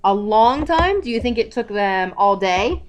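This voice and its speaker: A young woman telling a made-up story to a small child, slowly and expressively, stopping to ask questions. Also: mid-range voice, expressive. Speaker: parent telling a bedtime story.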